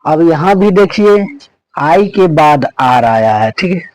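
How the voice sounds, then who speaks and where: A man teaching English pronunciation rules, repeating each rule and word slowly. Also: a little high, lively intonation, a little mellow, no echo, low-quality recording. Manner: slow, repeats rules and words over and over. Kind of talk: pronunciation lesson.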